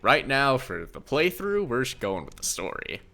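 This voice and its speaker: Wry gamer guy with creaky voice. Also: medium pitch, sing-song, normal speed, sharp tone, faint music behind. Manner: wry, sarcastic, swearing asides. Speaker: let's play host. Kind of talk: casual video game commentary.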